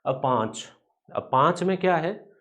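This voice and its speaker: A man's voice: fairly high pitch, expressive, a little slow, fairly bright tone. A male teacher giving an exam coaching lecture, chatty and informal, repeating rhyming memory tricks.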